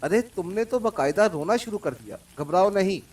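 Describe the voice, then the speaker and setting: A man's voice: sits high, fairly quick, slightly rough, far from the mic, pitched above the performer's own voice. A man playing a cold, witty male secret agent. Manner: calm and cold, mocking laughter. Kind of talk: audiobook character reading.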